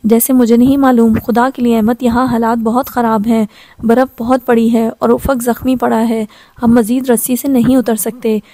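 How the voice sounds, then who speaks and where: A young woman stuck on a mountain, frightened and quick to snap, speaks in a fairly high but flat voice. The tone is mellow and dark. It is close and dry, the audio-novel figure voiced by a woman reader. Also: no echo, natural voice. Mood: tense. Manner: snapping, exasperated.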